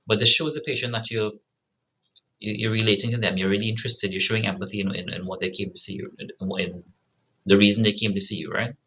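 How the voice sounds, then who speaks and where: A man's voice: on the low side, fairly even intonation, fast, sharp tone, muffled recording. A man giving a recorded lecture to students, often checking in with "right?" and restarting his sentences. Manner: frequent "right?" tag questions, restarts.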